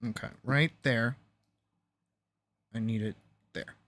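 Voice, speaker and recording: Working through edits of his own animated series live, this man talks slowly in a steady, mid-range voice. He thinks out loud in a relaxed, chatty way, cursing liberally, making sarcastic remarks and mumbling under his breath now and then.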